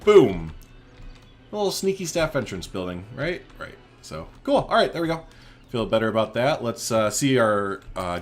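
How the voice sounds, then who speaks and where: This let's-play host has a fairly low voice, talking through his gameplay in a relaxed, joking way. A little hiss or hum sits under the recording.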